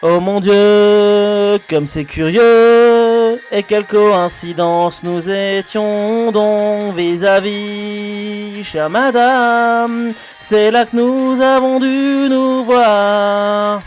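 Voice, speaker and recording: Brief: male performer as formal gentleman, sung with mock gravity, slow. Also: sits high, fairly even intonation, faint music behind. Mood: mock-solemn. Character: stiff formal gentleman in an absurd play. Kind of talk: sung comic parody of theatre lines.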